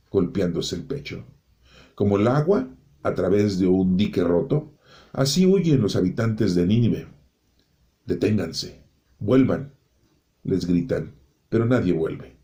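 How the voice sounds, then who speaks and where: Deep, dark-voiced man reading scripture. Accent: Spanish-speaking. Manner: dramatic rises and drops for emphasis, slowing on key phrases.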